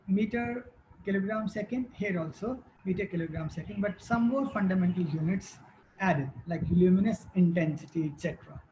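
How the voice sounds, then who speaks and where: A woman's voice: medium pitch, dark tone, lo-fi sound, slight background noise. A woman teacher giving a classroom lecture, quizzing students and repeating their answers.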